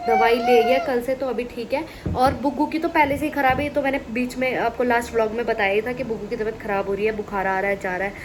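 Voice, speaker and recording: Woman, sick with a cold, casual vlog chat, rambling, talking to viewers, slightly high voice, faint background noise. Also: fairly even intonation, fast talker, few pauses. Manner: chatty, rambling, addresses viewers directly. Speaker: vlogger. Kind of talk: casual family vlog narration.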